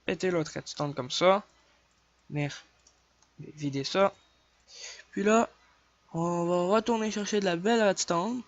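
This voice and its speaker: A man's voice: high voice, measured pace, pauses often, dry recording. Young male tutorial maker, Québécois accent, casual and chatty, counts clicks aloud, lo-fi dry recording. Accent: Québécois French. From Quebec. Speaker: game tutorial creator. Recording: dull lo-fi dry home mic.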